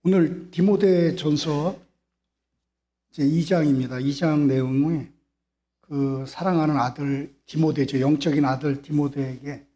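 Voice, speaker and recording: Male pastor giving a sermon in church, kinda high voice but warm and mellow, lots of repeating and asking the crowd. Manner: preaching with rhetorical questions and repetition. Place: church sanctuary.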